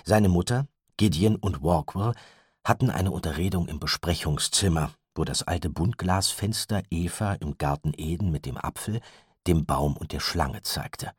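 A man narrating a children's novel in an expressive storytelling manner. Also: low-pitched, normal speed, breathy edge, dry recording, studio quality. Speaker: audiobook narrator.

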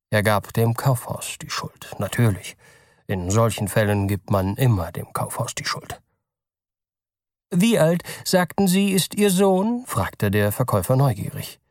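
A man reading a chapter of a story aloud as the narrator, in an even, measured way. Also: on the low side, no room sound, studio quality. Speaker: audiobook narrator. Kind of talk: scripted narration.

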